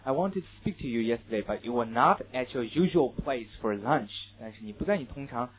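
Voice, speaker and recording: A man's voice: mid-range voice, expressive, fairly quick. Man teaching English, tinny lo-fi recording. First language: Chinese. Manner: drills pronunciation, asks and answers own questions. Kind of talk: classroom lecture. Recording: tinny phone-like lecture recording.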